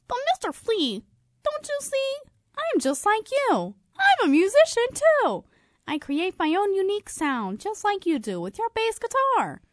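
A woman doing a squeaky pleading little fly. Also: huge pitch swings, a little slow, dry recording, studio quality, full character voice. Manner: squeaky, pleading, rising to shouts. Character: small pleading house fly, eager, pushy.

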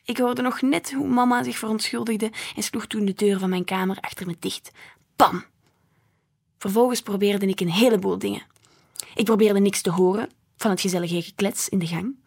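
A woman reads a children's book aloud in a soft, breathy voice, gentle and expressive. Her pitch sits at an ordinary middle height. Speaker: storyteller.

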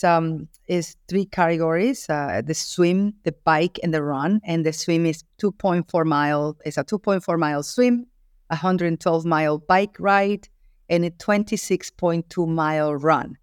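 A woman's voice: lowish voice, measured pace, a little mellow, clean tone, no echo, studio quality. Earnest woman author from Ecuador. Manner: earnest, reflective, with frequent restarts. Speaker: author and guest. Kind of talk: interview answer.

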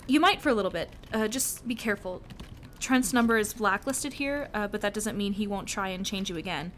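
A woman playing a weary female tech-support agent who talks haltingly, with many fillers. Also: mid-range voice, expressive, a bit bright, slight background noise, lightly acted. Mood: hesitant.

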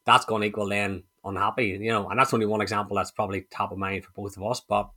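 A man's voice: fairly low pitch, little pitch movement, fast talker, bright, forceful tone. A man, a coach, chatting frankly on a podcast, swearing casually and explaining with examples.

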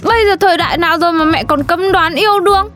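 A woman's voice: extremely high pitch, fast, fairly bright tone, soft background music. A woman playing a defiant teen schoolgirl. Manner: defiant, whiny arguing. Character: teenage schoolgirl daughter, stubborn, talks back. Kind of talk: comedy sketch acting.

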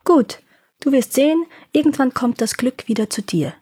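A woman voicing a wise, kindly old woman in a fairy tale, speaking softly and warmly hushed. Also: sits high, animated, normal speed, slightly rough, pitched above the performer's own voice.

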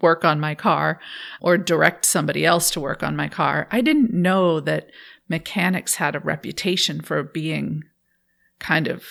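A woman's voice: low-pitched, fairly even intonation, normal speed, gravelly, a bit bright. A woman guest speaking thoughtfully in an interview, laughing often while she tells a personal story.

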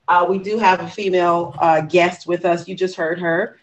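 A man from the US East Coast hosting a casual podcast chat, playful and animated, laughing often. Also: sits high, moderate pace, muffled recording. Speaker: podcast host.

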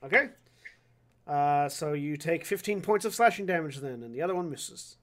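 Higher-pitched man running a tabletop game. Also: expressive, moderate pace. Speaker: game master. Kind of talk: casual tabletop game narration and rulings.

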